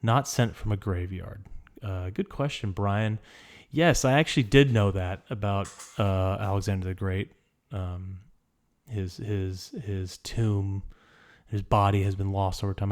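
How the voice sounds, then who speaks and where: Low-voiced rambling male podcast host. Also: fairly even intonation, slow. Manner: rambling, with stammered restarts and fillers. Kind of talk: casual solo podcast chat. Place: small hot room indoors.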